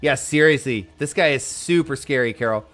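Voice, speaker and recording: A man streaming a game with casual, excitable commentary, reading the dialogue aloud as he plays. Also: medium pitch, moderate pace, faint music behind. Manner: excitable, exclaims and laughs often; reads on-screen dialogue aloud.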